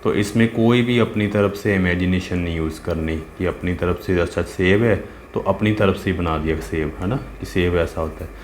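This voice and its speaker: A man's voice: sits low, moderate pace, hardly any pauses, slight background noise. A man giving a casual, patient step-by-step drawing lesson as an art teacher, often checking in with the viewer as he works. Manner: patient, talks while working, asks "है ना?" and "ठीक है?" often. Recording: roomy with faint ambience.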